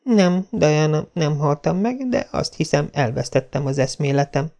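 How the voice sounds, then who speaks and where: A man's voice: fairly high pitch, animated, gravelly, warm tone, voice pushed up. A man reading an audiobook voices a dreamy, dramatic girl of about eleven, speaking in a solemn, theatrical way. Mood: pained.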